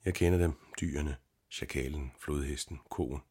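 A man voicing a calm, gentle young scholar in an audiobook reading, with a husky voice and a measured, reasoning way of talking. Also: very deep voice.

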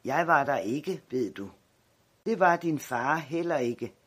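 A man doing a grave, hushed old grandfather. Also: a little high, expressive, slightly rough.

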